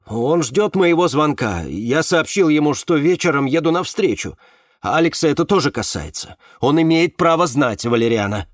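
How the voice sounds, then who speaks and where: A man's voice: fairly high pitch, lively intonation, moderate pace, no room sound, clean studio sound, voice pushed up, natural voice. A man reading a novel aloud, voicing a stubborn, loyal driver who insists on his point. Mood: insistent.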